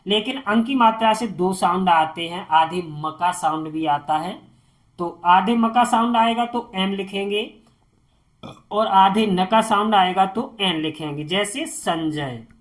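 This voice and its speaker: Woman, teacher, very slow delivery, spelling words out letter by letter, middle pitch. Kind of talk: slow spelling lesson for beginners.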